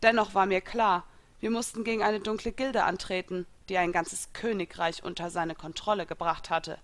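A woman narrating a first-person fan-fiction audiobook, calm in the telling and loud at the spells. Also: medium pitch, moderate pace. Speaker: audiobook reader.

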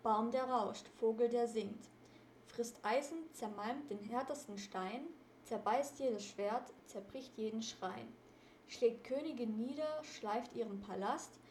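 Brief: eerie ghost woman, slow solemn chanted riddle, read by a woman, roomy echo. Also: a little high, darkish tone, a little hiss or hum.

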